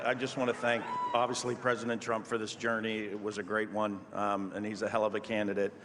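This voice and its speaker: A man's voice: fairly low pitch, level tone, fairly quick. A man with an American accent giving a brief, plain-spoken rally speech of thanks. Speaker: campaign official thanking the team. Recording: echoey hall PA with very loud noise.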